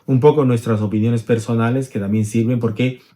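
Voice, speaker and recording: A man's voice: mid-range voice, fairly even intonation, brisk, warm tone. A middle-aged man, an immigration lawyer, explaining rules conversationally, walking through hypothetical examples and checking in with tag questions.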